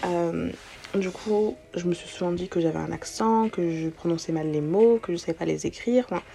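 Creaky and dark, her fairly low voice moves at normal speed as this early-twenties woman answers self-introduction questions on a casual solo podcast she hosts. She speaks French non-natively, having been born elsewhere and moved to France young, and her slangy style borrows some English.

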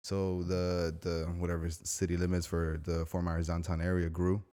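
A man in his thirties with a deep, low voice is a guest on a podcast. He talks casually in a laid-back way, sprinkling his answers with slang like man and yo. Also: completely flat delivery, moderate pace, warm tone, clear, resonant tone. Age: 30s. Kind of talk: casual interview chat.

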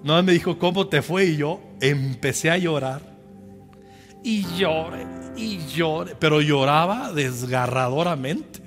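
A Mexican man in his fifties, a pastor telling a personal story in a sermon, lively and humorous, speaking directly to his congregation. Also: fairly high pitch, takes it slowly. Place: church. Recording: echoey church hall with soft music behind.

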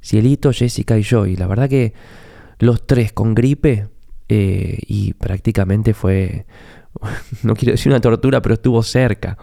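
A man's voice: fairly low pitch, unhurried, vocal fry, dark tone, no room sound, clean studio sound. A man with a Rioplatense Spanish accent and a congested, nasal voice from a recent flu, talking reflectively and informally as a podcast host. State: recovering from flu. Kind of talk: reflective conversational podcast monologue. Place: office.

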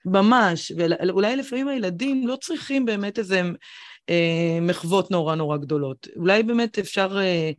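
Hesitant woman co-host, searching for words. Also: medium pitch. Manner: searching for words, many pauses and fillers. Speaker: podcast co-host, educator. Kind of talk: reflective casual chat.

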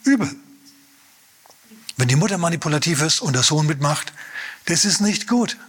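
A man's voice: a little high, lively intonation, normal speed, fairly bright tone, husky. A male pastor preaching a sermon, retelling stories vividly with emphatic repetition and calls for amen.

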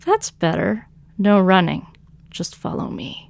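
Woman doing a domineering storybook cat, purring, possessive, coaxing, slightly raised pitch, gravelly undertone. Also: sing-song, a little slow, no echo. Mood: commanding. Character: domineering female cat gathering animal minions.

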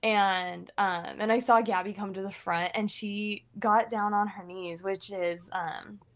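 A woman's voice: mid-range voice, steady tone, unhurried. A young woman co-hosting a podcast who leads worship, talking casually with many fillers and frequent laughs. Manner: chatty, lots of fillers, laughs often. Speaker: podcast co-host, worship leader.

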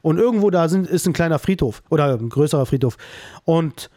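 A man with a high voice talks fast in a casual podcast chat. He tells stories with energy and acts out what the people in them say. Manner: animated storyteller acting out quotes. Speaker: podcast host.

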